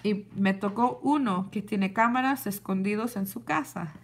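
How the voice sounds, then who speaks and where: Woman, young adult, casual storytelling, animated, code-switching. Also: medium pitch, a little slow. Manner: animated, switches between Spanish and English. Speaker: vlogger. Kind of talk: casual storytime to a live audience.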